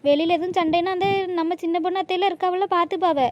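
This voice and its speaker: A woman's voice: extremely high pitch, steady tone, fast talker. A woman voicing a frightened young village girl in a cartoon. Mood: scared. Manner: anxious, pleading. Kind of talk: cartoon voice acting.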